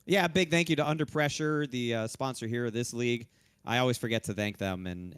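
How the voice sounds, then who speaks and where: Man, race winner, post-race interview, slightly hoarse, smooth voice, dry close sound. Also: medium pitch, no room sound. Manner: relaxed, loose, frequent restarts and fillers. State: losing his voice. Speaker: race-winning sim racing driver.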